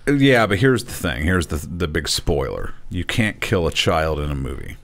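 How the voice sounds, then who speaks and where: Low-voiced, sardonic male co-host. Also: expressive, moderate pace, a bit bright. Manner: sardonic, needling, profane. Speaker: show co-host. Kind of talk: casual livestream banter.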